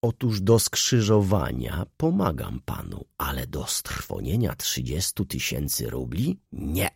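A man doing a sly, sweet-talking lawyer from a classic audiobook, gravelly and husky, his voice rising and swooping as he coaxes and schemes, in a dry, close sound. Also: extremely low pitch, takes it slowly, no echo, exaggerated voice. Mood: scheming. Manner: animated, persuasive, theatrical emphasis. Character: scheming middle-aged male lawyer, smooth and sly. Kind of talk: audiobook character voice.

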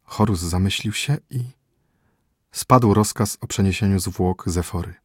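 A man reads a story aloud in a steady, dramatic audiobook style. His voice is low and husky. The recording is dry and close, with no room echo. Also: measured pace. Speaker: narrator. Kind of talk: audiobook narration.

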